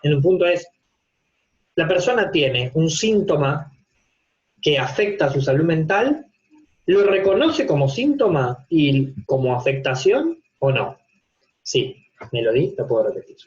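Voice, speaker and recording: His voice is fairly high, a bit mellow and very animated, and he talks a little slowly with frequent pauses. An Argentine university psychopathology teacher, he gives an informal online lecture from home, explaining step by step through everyday examples and rhetorical questions. The audio comes through a video call and sounds dull and lo-fi.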